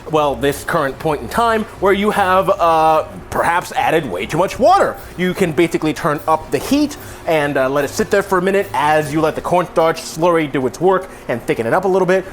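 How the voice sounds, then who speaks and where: A tipsy man hosting a casual cooking tutorial in a loose, jokey way, with mock-formal wording and wry asides. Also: fairly high pitch. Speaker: cooking video host. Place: home kitchen. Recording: sizzling pan and kitchen noise. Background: frying sizzle.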